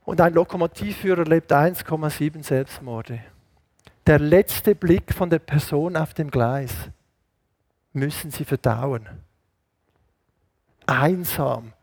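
A middle-aged man preaching an animated sermon full of stories, jumping between loud outbursts and hushed asides. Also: on the high side, slow, long pauses, no echo. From Switzerland. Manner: animated, switches between shouting and hushed quoted voices. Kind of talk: lively sermon with anecdotes.

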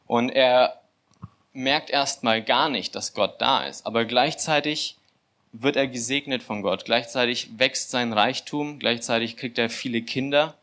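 A young man giving an informal sermon, telling a scripture story with filler words and lively, acted-out asides. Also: mid-range voice, measured pace. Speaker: church volunteer giving a sermon. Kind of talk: casual sermon.

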